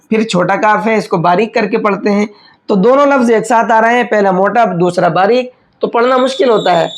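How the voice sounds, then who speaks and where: Patient male tajweed teacher. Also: high-pitched. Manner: asks questions aloud and then answers them; slows right down to demonstrate recitation. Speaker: Quran recitation teacher. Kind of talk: step-by-step tajweed lesson.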